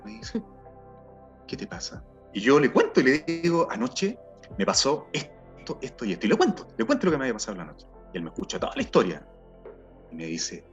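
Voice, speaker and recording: Earnest Chilean man giving testimony. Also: medium pitch. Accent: Chilean Spanish. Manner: earnest, halting storytelling with repeated words. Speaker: testimony speaker. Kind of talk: personal testimony. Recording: dull sound with faint music behind.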